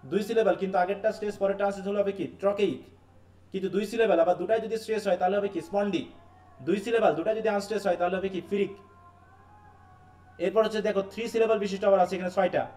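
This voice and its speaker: A man's voice: high-pitched, fairly even intonation, very fast, darkish tone. A man with a Bangladeshi Bengali accent teaching an English class, explaining by repetition and quizzing his students. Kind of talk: live online class.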